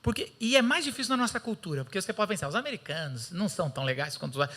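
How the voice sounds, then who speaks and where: A Brazilian man preaching a sermon in a bright, forceful tone with a Brazilian Portuguese accent. He tells stories in a lively way and slips into the voices of the people he quotes. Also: sits high, racing.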